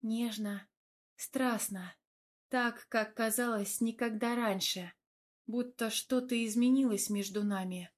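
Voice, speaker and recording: A woman narrating a first-person romance novel in a smooth, even storytelling voice. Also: fairly high pitch, takes it slowly. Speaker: audiobook narrator.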